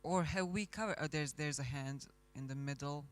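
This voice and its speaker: A somewhat high-pitched man moderates a conference panel, polite and lightly joking. He keeps things moving as he calls on the audience for questions. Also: normal speed, fairly bright tone. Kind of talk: moderating a forum. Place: conference hall.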